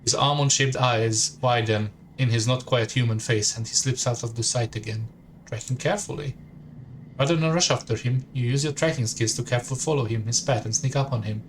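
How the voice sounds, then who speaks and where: A man's voice: medium pitch, fairly quick, a little hiss or hum. A man streaming a story game, reading the text aloud in second person and adding casual asides.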